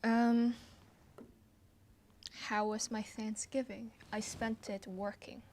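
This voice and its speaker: A woman's voice: on the high side, slow. Chatty woman pianist in a casual livestream Q&A. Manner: chatty and relaxed, trailing off with frequent ums and soft laughs. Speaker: pianist hosting a patron livestream. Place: her apartment, at home with her piano.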